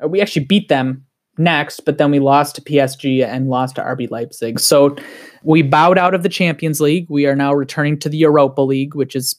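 A man with a Wisconsin accent, a guest on a casual podcast, talking in an excited, heated, rambling way. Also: on the high side, a little fast.

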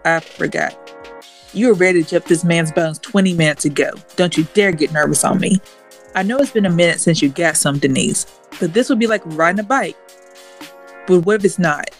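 A woman's voice: lowish voice, fairly quick, soft background music, close to an everyday voice. An actress playing a frank, nervous young woman who talks herself through things in an audio drama, sometimes whispering. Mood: self-coaching. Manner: blunt, self-talking, whispers on the phone. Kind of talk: audio drama inner monologue.

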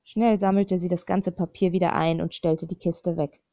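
A woman's voice: lowish voice, moderate pace, no echo. A woman narrating an audiobook in scripted narration, reading steadily, on a slightly dull, dry recording. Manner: steady, even reading of a dark thriller.

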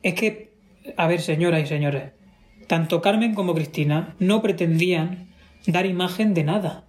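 A man's voice: sits high, normal speed, a little mellow. A man with a Spanish accent talking in a casual conversation, emphatic and given to repeating himself for stress. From Spain.

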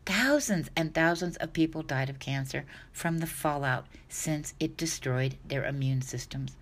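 A woman in her sixties chats casually to the camera about dog health, her voice low-pitched and unhurried. She rambles and corrects herself, often starting her sentences over.

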